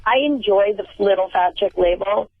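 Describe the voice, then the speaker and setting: Woman phone guest, wry and articulate, a bit gravelly, heard over a tinny line. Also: mid-range voice, fairly even intonation, normal speed, no echo. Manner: articulate, wry, self-deprecating. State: groggy morning voice. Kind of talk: casual phone chat. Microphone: telephone.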